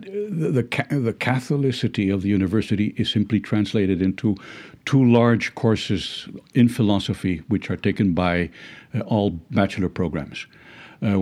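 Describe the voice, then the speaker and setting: A middle-aged man with a Dutch accent, a legal philosophy professor, speaks in a lowish, slightly mellow voice. He talks reflectively in an interview, hesitating often with fillers, restarts, and wry chuckles.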